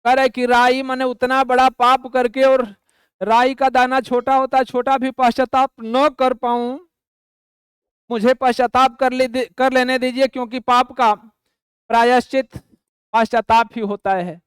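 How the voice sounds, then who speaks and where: A man teaching a Hindi poem, reciting its verses slowly in a chanting tone and then explaining them in plain words. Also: extremely high pitch, level tone, fairly bright tone, clean tone, no echo, clean studio sound.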